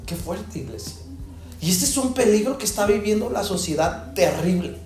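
A woman preacher delivering an animated sermon, mimicking people in mocking voices. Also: medium pitch, moderate pace. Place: large echoing church hall. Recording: very echoey hall with faint music.

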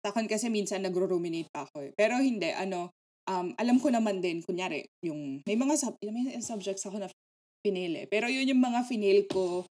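A woman with a Filipino accent talks in a relaxed, conversational podcast style. Her voice sits at a medium pitch. She slips between two languages within the same sentence. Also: quick pace. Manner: mixes English and Tagalog mid-sentence. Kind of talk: casual chat.

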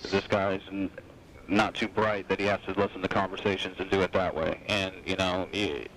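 A man's voice: deep voice, level tone, normal speed, fairly bright tone. A man on a phone call as a company representative, stiff and dismissive.

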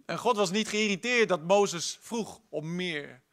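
A man preaching a sermon at a church service, impassioned and moving between loud declarations and hushed, intimate lines. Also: sits high, measured pace. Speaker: pastor.

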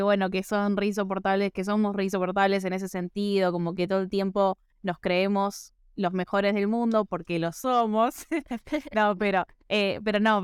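A woman's voice: mid-range voice, clear, resonant tone, dry recording, studio quality. A young Argentine woman with an Argentine accent hosting a podcast, chatty and self-mocking, with frequent "eh" fillers. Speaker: podcast host. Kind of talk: casual podcast conversation.

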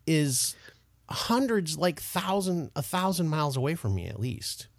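Playful man, lively voice. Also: on the high side, measured pace, creaky, no room sound, studio quality. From American Midwest. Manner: playful, chatty, laughs often. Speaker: podcast co-host. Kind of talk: casual chat.

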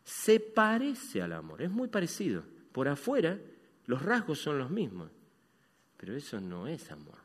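Rioplatense guy preaching in a church, voice jumps loud then hushed, long hall echo. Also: a little high, measured pace. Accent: Rioplatense Spanish. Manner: animated preaching, swings between loud and hushed. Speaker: pastor. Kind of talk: sermon.

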